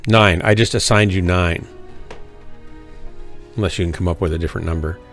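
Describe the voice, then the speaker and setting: A man's voice: deep voice, fairly even intonation, normal speed, fairly bright tone, soft background music. A man hosting a live game stream, chatting casually in a joking, drily teasing way. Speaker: streamer and host.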